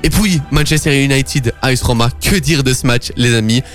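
A man's voice: mid-range voice, normal speed, a bit bright. A man hosting a sports radio show, talking casually with many fillers and frequent laughs. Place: radio studio. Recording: radio studio with music underneath.

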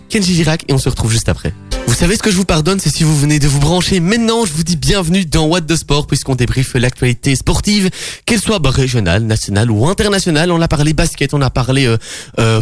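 A man's voice: on the high side, animated, quick pace. A man hosting a sports radio show, talking casually with many fillers and frequent laughs. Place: radio studio. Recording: radio studio with music underneath.

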